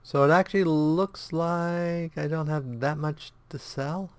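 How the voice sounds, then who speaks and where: Slightly higher-pitched and unhurried, this man has a clean tone with no room sound. He's hosting a let's play with a congested nose and a mildly sore throat, humming to himself while navigating menus and chatting about the game in a relaxed, rambling, think-aloud style.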